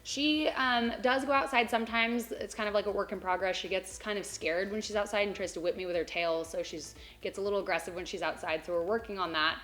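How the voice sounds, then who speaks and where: Bright-voiced chatty young woman vlogger. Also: mid-range voice, steady tone, a little fast, hardly any pauses. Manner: chatty, filler-heavy with frequent "um" and "like". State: out of breath. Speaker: pet vlogger. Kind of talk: casual vlog talk. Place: home animal room.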